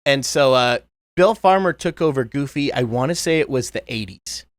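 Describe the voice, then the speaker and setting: A man's voice: mid-range voice, moderate pace, no echo. A man in his thirties, a voice impressionist chatting casually in an interview and slipping into cartoon voices. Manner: animated, drops into cartoon voices. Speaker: voice impressionist guest.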